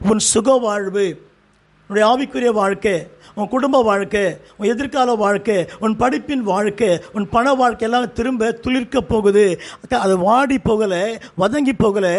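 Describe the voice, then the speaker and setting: Fervent high-voiced Tamil preacher man. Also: gravelly. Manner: fervent preaching in repeated short phrases. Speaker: pastor. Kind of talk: sermon.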